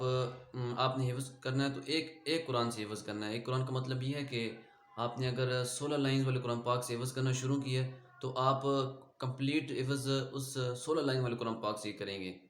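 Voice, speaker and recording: A man teaching an online Quran lesson with a Pakistani Urdu accent, explaining pronunciation patiently and reciting slowly for students to repeat. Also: mid-range voice, fairly even intonation, echoey room.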